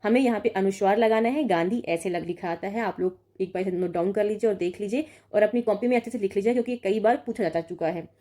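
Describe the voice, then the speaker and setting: A woman's voice: medium pitch, quick pace, hardly any pauses, warm tone. A young woman teaching an online exam-prep lesson, reading out word pairs and correcting each one with frequent check-ins. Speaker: Hindi exam tutor.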